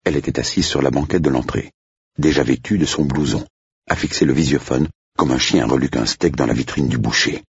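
Man, audiobook narrator, very husky, dry close sound, dull lo-fi recording. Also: a bass voice, fairly quick, no room sound.

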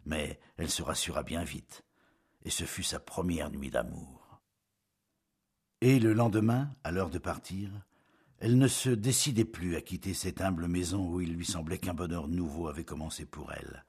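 Brief: male audiobook narrator for a classic novel, steady and measured, low-pitched with a very husky, breathy tone. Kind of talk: scripted literary narration.

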